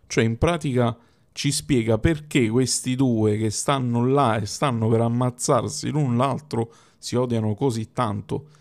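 Creaky-voiced man explaining casually. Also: mid-range voice, darkish tone. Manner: conversational, thinks aloud and rephrases. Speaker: wrestling explainer host.

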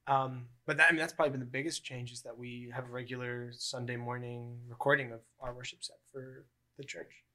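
A man's voice: mid-range voice, level tone, a little fast, few pauses, bright, forceful tone. A man of twenty-one hosting a casual podcast chat, rambling with many fillers and restarts. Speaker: podcast host.

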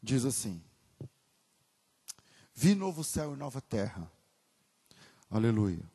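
A man preaching a sermon as pastor with a Brazilian Portuguese accent, moving from casual asides to loud, emphatic preaching. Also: mid-range voice, very animated, takes it slowly, vocal fry, husky, long reverb tail.

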